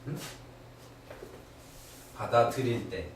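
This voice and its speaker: A man's voice: medium pitch, takes it slowly. A middle-aged man teaching English grammar in a classroom lecture, constantly checking in with his students. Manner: animated, keeps asking "그지?" and "오케이?". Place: academy classroom. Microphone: far camera. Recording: very echoey old classroom recording from far off, faint hiss.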